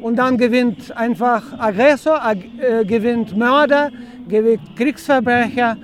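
A man's voice: very high-pitched, unhurried. A man from Ukraine with a Ukrainian accent, giving a street interview as a protester outdoors in a city, hesitant and full of filler sounds.

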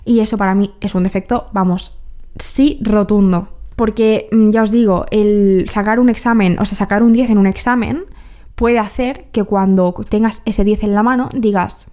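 A woman's voice: medium pitch, fairly even intonation, normal speed, dark tone. A young woman hosting a podcast, musing candidly in a personal monologue, often correcting herself and asking rhetorical questions. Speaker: podcast host.

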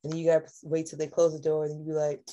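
A woman's voice: sits low, completely flat delivery, quick pace, dark tone. A woman co-hosting a podcast, chiming into a casual TV recap with slangy, joking asides. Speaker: podcast co-host.

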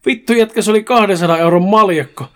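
A man voicing a panicky, crude young man who swears and shouts while reading a comic horror story. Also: high-pitched, pitched above the performer's own voice. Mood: panicked shouting. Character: panicky young man fighting garden gnomes.

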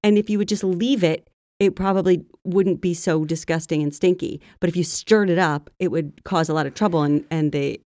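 A woman's voice: on the low side, steady tone, moderate pace, mellow, dry recording, studio quality. A woman co-hosting a podcast in casual chat, sometimes reading items out. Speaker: podcast co-host.

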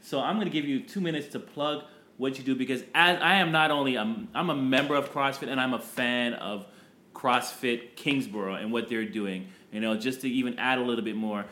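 A man's voice: medium pitch, brisk, bright, forceful tone, reverberant. A man hosting a business podcast with emphatic energy, hyping the listeners and praising his guest. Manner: emphatic, hypes the audience. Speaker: podcast host.

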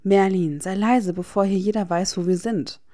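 A woman voicing a guarded, sharp-tongued teenage wizard boy with a dry, teasing manner. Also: medium pitch, fairly even intonation, moderate pace, natural voice.

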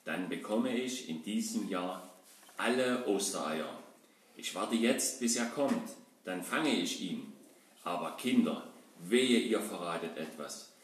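A sly greedy robber. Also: male voice, low-pitched, animated, slow pace, a little hiss or hum. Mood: sly gleeful. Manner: gleeful, conspiratorial, mock-threatening. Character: sly greedy male robber, grown man. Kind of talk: children's audio puppet play. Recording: echoey room from a distance.

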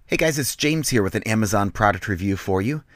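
Very deep-voiced deadpan comedian. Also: male voice, fairly quick, loud music behind the voice. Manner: casual, deadpan, conversational. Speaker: comedy podcast co-host. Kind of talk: comedic product review storytelling.

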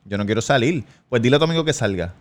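Animated Puerto Rican man telling a story. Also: medium pitch, racing. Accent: Puerto Rican Spanish. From Puerto Rico. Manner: animated, swearing, acts out voices in his story. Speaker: podcast co-host. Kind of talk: casual storytelling among friends.

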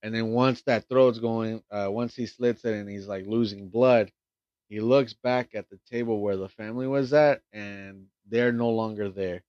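A man's voice: lowish voice, steady tone, normal speed, darkish tone, dry recording, muffled recording. A man casually recapping a film in a rambling way, swearing freely and stumbling through lots of fillers and restarts. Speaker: film reviewer.

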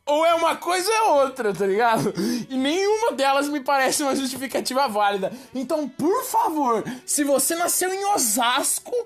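A woman's voice: high-pitched, expressive, normal speed, faint music behind. A Brazilian woman ranting in a slangy, exasperated comic monologue to her viewers. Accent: Brazilian Portuguese. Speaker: vlogger. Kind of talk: slangy comic rant to camera.

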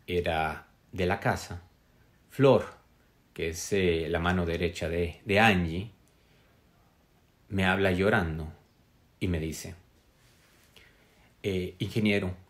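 A middle-aged man earnestly telling a personal story on a live stream, with pauses and "mm?" tags. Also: sits low.

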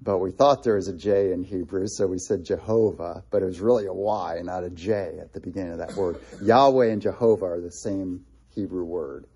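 A man's voice: sits low, fairly even intonation, brisk, few pauses, mellow, slightly rough. A man teaching a casual Bible study, talking conversationally with many fillers and restarts while pointing out places on a map.

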